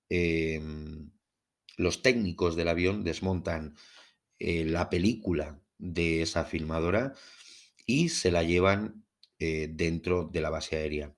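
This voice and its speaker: A man with a Spain Spanish accent hosting a podcast monologue, speaking in a measured, formal way with literary phrasing, as in part-scripted narration. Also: sits low. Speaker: podcast host.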